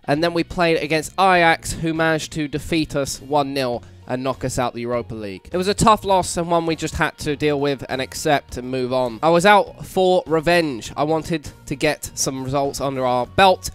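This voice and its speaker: A hungover British man giving casual, self-deprecating commentary on a video game playthrough, sounding slightly croaky. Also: a little high, moderate pace, few pauses, a bit bright. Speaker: gaming YouTuber, host. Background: background music.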